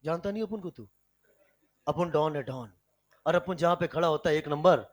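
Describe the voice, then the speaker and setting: Guy putting on a tough gangster don, deep and gruff, showing off in street slang. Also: moderate pace, lightly acted. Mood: swaggering. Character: swaggering male street don, boastful and menacing.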